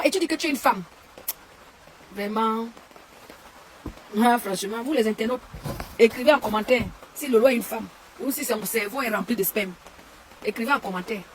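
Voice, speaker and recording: A woman's voice: a little high, slight background noise. A woman, ranting and hurling insults in a live stream from her home, repeating herself often. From Cameroon. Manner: insulting, repetitive, heated. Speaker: online commentator. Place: home and garden.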